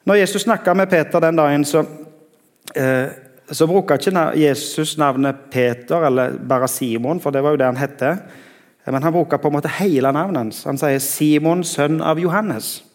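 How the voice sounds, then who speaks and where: A middle-aged man preaching a sermon in a conversational way, often pausing to search for words. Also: a little high. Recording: long hall reverb.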